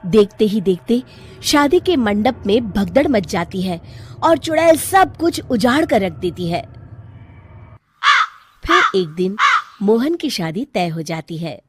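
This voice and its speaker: A woman narrating a cartoon story in an expressive storytelling manner. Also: on the high side, slow, a little hiss or hum.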